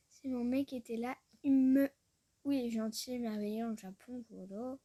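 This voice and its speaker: Young woman, vlogger, casual chat, unhurried, slightly high voice, trails off and giggles. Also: fairly even intonation, dark tone. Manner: chatty, trailing off, with frequent giggles; sounds out foreign words haltingly. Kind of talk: casual screen-recorded chat.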